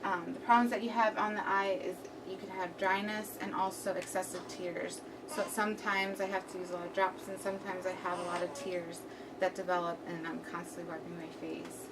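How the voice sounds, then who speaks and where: A woman's voice: fairly low pitch, little pitch movement, brisk. A young adult woman giving a prepared student presentation to a class, her speech slightly numb and impaired on one side of the mouth. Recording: distant mic, clearly noisy room recording.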